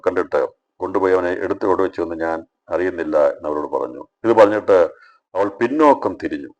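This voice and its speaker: A man, a pastor, teaching a Bible study over a video call, his phrases swelling loud and then dropping low and soft as he urges his listeners. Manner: addresses listeners directly, urging them.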